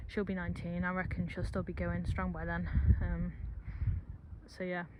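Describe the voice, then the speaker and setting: A woman's voice: fairly low pitch, monotone, moderate pace. Chatty young woman vlogging outdoors. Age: young adult. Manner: chatty, rambling, joking asides. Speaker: vlogger at a horse yard. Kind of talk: casual vlog narration. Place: outdoor stable yard. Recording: outdoor background noise.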